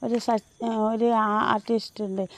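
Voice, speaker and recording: A woman's voice: a little high, little pitch movement, normal speed, fairly bright tone. A woman in her fifties with a Mahe Malayalam accent, chatting loosely to her phone on an early-morning walk outdoors, full of restarts and fillers. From Mahe, Puducherry. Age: 50s. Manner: rambling, frequent restarts and fillers. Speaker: vlogger and home tutor. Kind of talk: casual chatty vlog.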